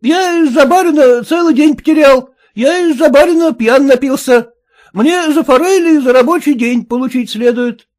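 A man voicing a wheedling one-eyed peasant who begs for his money in a high whining voice. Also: normal speed, a little mellow. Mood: pleading.

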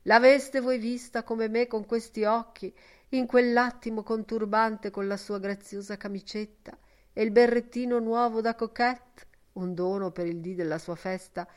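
A florid, sighing gentleman from an audiobook, read by a woman pours out ornate old-fashioned devotion. His talk is sentimental and emotional. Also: fairly high pitch, steady tone, moderate pace, pitched above the performer's own voice, close to an everyday voice. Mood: tender.

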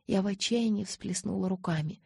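A woman's voice: medium pitch, a little fast, gravelly, a little mellow, breathy edge, no echo. A woman narrating a novel in the first person, telling the story expressively. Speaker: audiobook narrator.

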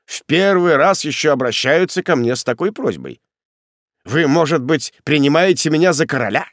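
A man voicing a grim male executioner who talks down to his prisoner in a cold, sneering, gruff way. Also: a little high, animated, moderate pace, fairly bright tone, no room sound, studio quality, pitched above the performer's own voice. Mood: mocking. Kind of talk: audiobook character voice.

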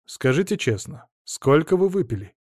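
A man's voice: on the high side, sing-song, moderate pace, a little mellow, no echo. Man reading a dry ironic detective. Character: calm ironic male police detective. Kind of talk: audiobook character voice.

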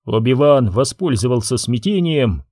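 A man narrating a novel in an expressive, dramatic reading. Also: medium pitch, normal speed, no echo, studio quality. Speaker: audiobook narrator. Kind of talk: scripted narration.

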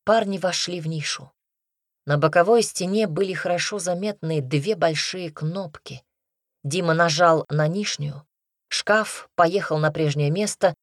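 A woman narrating an audiobook in a measured, even storytelling manner, close to the mic. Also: deep voice, no echo. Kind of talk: scripted narration.

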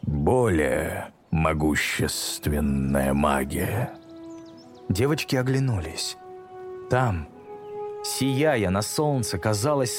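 Guy reading a kids fantasy audiobook, steady and measured, music bed behind. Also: mid-range voice. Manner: measured, slowing for dramatic moments. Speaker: narrator. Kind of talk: audiobook narration. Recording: music bed under narration.

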